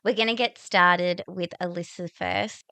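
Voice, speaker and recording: A woman co-hosting a casual podcast, bubbly and quick to laugh. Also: fairly low pitch, fairly even intonation, pushed and bright, no echo. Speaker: podcast co-host. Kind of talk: casual chat. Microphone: studio podcast mic.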